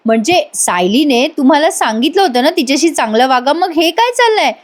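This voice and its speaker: A woman's voice: high voice, big pitch swings, brisk, pitched above the performer's own voice. Woman reading as a bewildered young daughter. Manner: questioning, bewildered.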